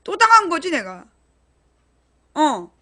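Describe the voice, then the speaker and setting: A middle-aged woman with a high, bright voice chats casually to her online viewers. She tells stories about home life and acts out quoted arguments in a raised voice. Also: slow pace. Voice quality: chatty, laughing, animated storytelling. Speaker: online broadcaster.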